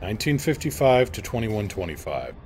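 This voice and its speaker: A man's voice: lowish voice, very animated, a little fast, darkish tone, a little hiss or hum. A man chatting casually with viewers on a live game stream, joking and playful as he answers them by name. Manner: joking, playful, reads viewer names aloud.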